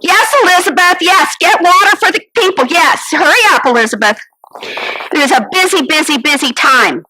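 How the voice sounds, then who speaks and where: A woman's voice: high voice, lively intonation, normal speed, bright, forceful tone, poor audio. A woman playing a fretful, business-minded innkeeper's wife, telling her story in a theatrical monologue. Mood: bossy. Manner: kvetching, theatrical, sighing and exclaiming. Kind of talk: first-person character monologue.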